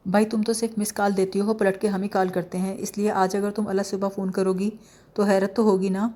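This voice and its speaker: A woman's voice: mid-range voice, level tone, dark tone, close to an everyday voice. A woman voicing a chatty middle-aged mother who fusses over her daughter.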